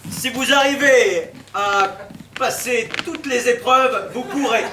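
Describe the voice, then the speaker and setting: High-voiced hammy, teasing announcer played by a man. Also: slow pace, background noise, full character voice. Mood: grandiose. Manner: hammy, theatrical stage acting. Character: gleeful announcer and recruiter, teasing and grandiose. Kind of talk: live improv comedy. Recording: roomy stage from far off, music.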